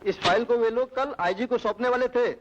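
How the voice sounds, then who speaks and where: A man's voice: very high voice, a little fast, highs cut off, noisy background. An actor playing a corrupt officer laying out a plan to frame a man in a dubbed film drama. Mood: scheming. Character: scheming corrupt police officer briefing a plot. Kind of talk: Hindi-dubbed film acting.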